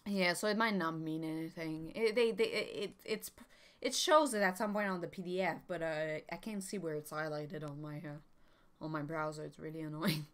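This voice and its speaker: Woman, lowish voice, casual chat, board game stream, thinking aloud, fillers. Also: moderate pace. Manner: thinking aloud, many fillers, frequent laughs.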